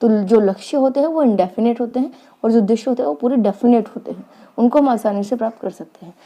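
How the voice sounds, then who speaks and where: A woman teaches an online lecture in a warm, mellow voice that sits a little high. She reads English phrases out slowly, then explains each one in turn.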